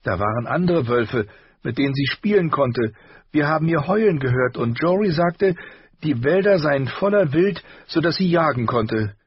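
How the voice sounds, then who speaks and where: A man voicing a stubborn, tearful young girl in an audiobook, speaking in a high, strained, husky voice with rushed outbursts. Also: expressive, no echo, muffled recording. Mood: ashamed. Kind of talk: audiobook character voice.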